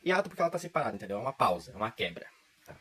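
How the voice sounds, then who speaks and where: A man's voice: lowish voice, big pitch swings, racing, a bit bright, husky, low-quality recording. A man from Brazil, giving a casual grammar lesson, chatty and informal, often checking in with the listener. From southern Brazil. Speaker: teacher.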